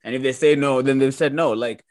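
A man shares his thoughts in a relaxed conversation. He talks reflectively, often restarting and adding asides, and his voice sits in a middle register. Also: mid-range voice, a little fast. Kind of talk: casual chat.

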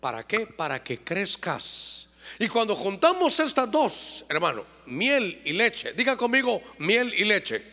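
A man's voice: sits high, wildly swooping pitch, a little slow, sharp tone. A middle-aged man preaching a sermon as pastor, calling out to the congregation and drawing them into call-and-response. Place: church. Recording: long church-hall reverb.

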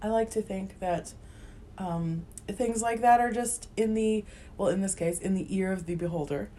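A woman's voice: mid-range voice, normal speed, dark tone, slight background noise. A woman co-hosting a casual chat podcast with a friend, laughing often and trailing off into fillers. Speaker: podcast co-host.

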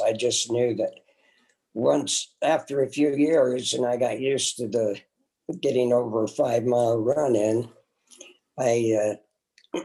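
Poor audio captures the mellow, medium-pitched voice of a man in his seventies. As the host's father and an interview guest, he recalls his own experiences in a casual, plain-spoken, hesitant manner.

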